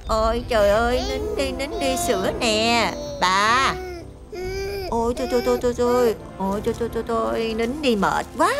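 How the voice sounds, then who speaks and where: A woman's voice: on the high side, moderate pace, lightly acted. An actress playing a worn-down, long-suffering widowed stepmother, speaking with a Southern Vietnamese accent, tired and exasperated. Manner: weary, exasperated and tearful. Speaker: struggling stepmother and older sister. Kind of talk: TV drama acting. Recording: music score under dialogue.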